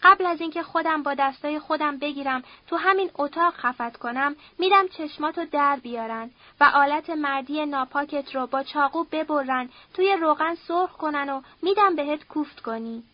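A woman's voice: high voice, no room sound, muffled recording, close to an everyday voice. Brief: a woman putting on an enraged tyrannical patriarch, coarse and threatening; storybook reading. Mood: raging. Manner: shouting threats, harsh and coarse. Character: furious domineering patriarch, older man.

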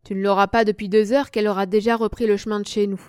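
A woman reading the part of a cordial but stubborn country gentleman who refuses firmly and kindly. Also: mid-range voice, little pitch movement, fast talker, clear, resonant tone, dry recording, clean studio sound, close to an everyday voice. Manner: firm but friendly refusals.

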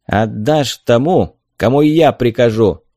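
A man's voice: medium pitch, lively intonation, unhurried, warm tone, no echo, clean studio sound, voice pushed up, lightly acted. A man voicing a short, tough male warrior in a storybook reading, curt and commanding.

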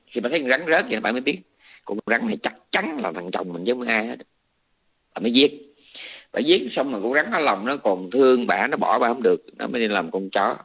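Southern Vietnamese monk telling a scripture tale. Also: male voice, medium pitch, slightly rough. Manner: colloquial, animated retelling with restarts. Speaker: Buddhist monk teacher. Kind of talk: dharma talk storytelling. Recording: dull lo-fi recording.

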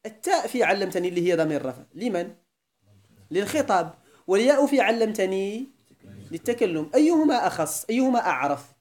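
Brisk and very animated, a high-pitched man with a darkish tone lectures on Arabic grammar in a Moroccan accent. He's an Islamic scholar who shifts between classical Arabic and Moroccan dialect, constantly checking that his students understand.

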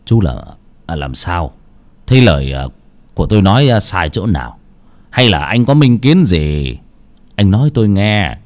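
A man playing a shrewd old grandfather who speaks low and measured, in an audio storybook. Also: sing-song. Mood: probing. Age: older. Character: grave old village grandfather, shrewd and probing.

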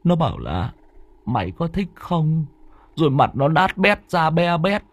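A man's voice: on the high side, sing-song, measured pace, no echo, voice pushed up, exaggerated voice. A man voicing a terrified young village man who stammers and pleads in panic. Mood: panicked.

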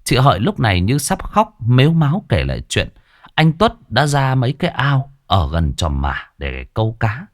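A man's voice: medium pitch, huge pitch swings, moderate pace. A man narrating a horror story with dramatic expression.

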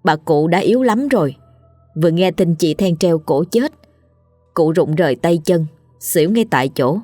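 Low-voiced woman telling a ghost story. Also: expressive, moderate pace, dark tone, no room sound, faint music behind. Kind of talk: scripted ghost story narration.

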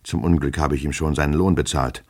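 A man voicing a fretful, fussy middle-aged male clerk who turns shrill and anxious when scolding. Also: animated, normal speed, a little mellow, breathy edge, exaggerated voice.

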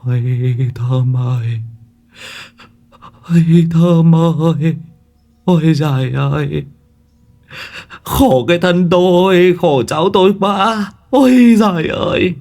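A man's voice: rapid-fire, hardly any pauses, darkish tone, natural voice. A man voicing a panicked old village man who wails, pleads and then scolds. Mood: wailing panic. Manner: wailing, pleading, pitch leaping high.

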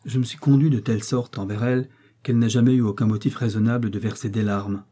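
A man reading an audiobook, voicing a domineering, coldly ironic prince with a dark, husky voice. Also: mid-range voice, fairly even intonation, fast, natural voice. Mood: cold, commanding. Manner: commanding, cutting and sarcastic.

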